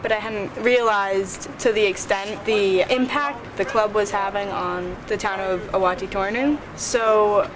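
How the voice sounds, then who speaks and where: A woman's voice: mid-range voice, steady tone, measured pace, hardly any pauses. A young woman, a student, answering interview questions about her own experience. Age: young adult. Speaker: student club member. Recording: clearly noisy background.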